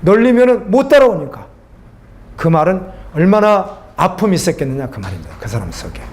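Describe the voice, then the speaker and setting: High-voiced preacher in an echoey church. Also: male voice, sing-song, brisk, a little mellow, slight background noise. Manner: conversational preaching, asks the congregation questions. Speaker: pastor. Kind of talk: sermon.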